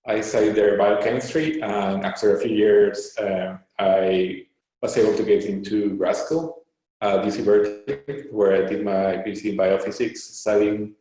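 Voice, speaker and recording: A Peruvian startup co-founder in his thirties answers questions in an online Q&A interview, his mellow voice low-ish and level. He speaks haltingly, with many fillers and restarts, and the room is very echoey.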